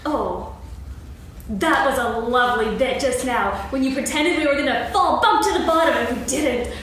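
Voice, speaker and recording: A woman playing a small, eager, fearless young kangaroo with a squeaky, childlike voice in a staged children's story. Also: moderate pace. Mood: eager curiosity. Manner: childlike, excitable, questioning. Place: on stage, seated reading. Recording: echoey hall, far mic, faint noise.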